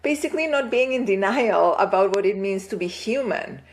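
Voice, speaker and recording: A woman's voice: mid-range voice, lively intonation, moderate pace. A woman from Chile as a podcast guest, talking in a thoughtful, reflective way and often tagging "right?" on her points. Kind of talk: casual interview chat.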